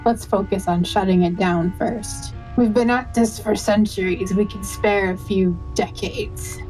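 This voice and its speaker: A woman's voice: mid-range voice, steady tone, a little slow, a little mellow, faint music behind, lightly acted, poor audio. A woman as a curt, commanding villain boss. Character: gruff commanding male villain boss, bluffing authority. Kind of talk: tabletop role-play.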